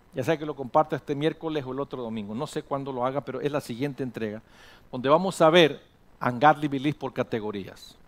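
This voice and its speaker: A male pastor preaching a sermon to his congregation in an animated way, dropping in English words now and then. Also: mid-range voice. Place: church sanctuary with congregation.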